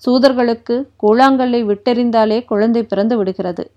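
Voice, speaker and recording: A mischievous young palace maid spins teasing jokes, as a woman storyteller puts her on. The voice is fairly high, and the audio is dull and lo-fi. She sounds impish and quick-witted. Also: lightly acted. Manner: teasing, playful. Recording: dull lo-fi recording.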